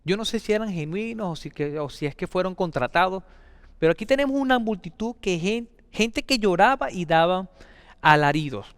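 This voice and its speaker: A man preaching a sermon, emphatic and repetitive, swinging between loud declarations and soft, drawn-out phrases. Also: animated, smooth, no room sound, big-room sound. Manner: emphatic, repeats key phrases with swings of pitch and loudness.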